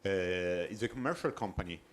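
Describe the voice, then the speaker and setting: A man in the audience asking a long question, pausing often with hesitant fillers. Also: fairly low pitch, big pitch swings. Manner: hesitant, many "uh" pauses.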